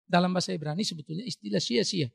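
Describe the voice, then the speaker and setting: A male pastor preaching a sermon in an animated, emphatic way, with sudden rises for emphasis. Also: sits high, rapid-fire, gravelly, husky, no echo, clean studio sound.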